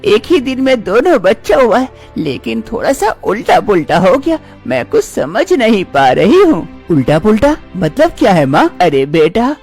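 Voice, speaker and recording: A woman's voice: mid-range voice, darkish tone, breathy edge, heavily acted. A woman voicing a stern mother-in-law in a storybook tale, who talks in a bossy, scolding way. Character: stern mother-in-law, harsh to her bride, doting on her cow.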